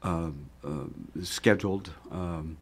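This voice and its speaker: A man's voice: deep voice, steady tone. An older man, a chef guest in a TV studio, talking at a desk mic with lots of fillers and restarts. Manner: halting, many fillers and restarts. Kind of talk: casual studio interview. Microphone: desk microphone on stand.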